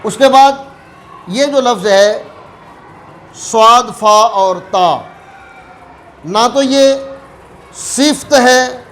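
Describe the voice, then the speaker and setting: A man teaching word pronunciation in a careful, deliberate way, repeating key words for emphasis. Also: extremely high pitch, a bit bright. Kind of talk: explanatory lesson.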